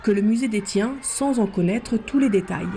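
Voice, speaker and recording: A woman radio reporter narrating a news report in a measured, even way. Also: medium pitch, a little hiss or hum.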